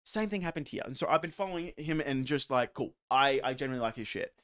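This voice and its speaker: Male co-host from Australia, mid pitch, rambling chatty delivery, dry close sound. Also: fast, smooth, no echo. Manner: rambling, restarts, animated impressions. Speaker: podcast co-host. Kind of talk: casual podcast chat.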